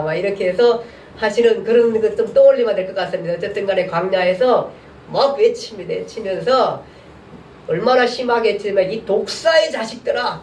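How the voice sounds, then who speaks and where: A man's voice: high-pitched, a little mellow, a little hiss or hum. A male pastor teaching a Bible class in a chatty, colloquial way, often putting questions to his students. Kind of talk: casual Bible class lecture. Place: church classroom. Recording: echoey room, mic far off.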